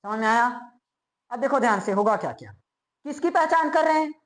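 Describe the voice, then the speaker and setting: A woman's voice: fairly high pitch, lively intonation, brisk, low-quality recording. A woman teaching a chemistry lesson, asking students repeated check questions and then answering them herself. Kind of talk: classroom lecture.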